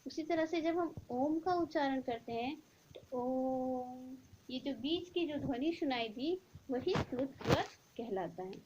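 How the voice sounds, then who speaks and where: A woman teacher explaining a grammar lesson slowly and deliberately, drawing out the example sounds. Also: high-pitched. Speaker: school teacher. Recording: dull lo-fi recording with faint noise.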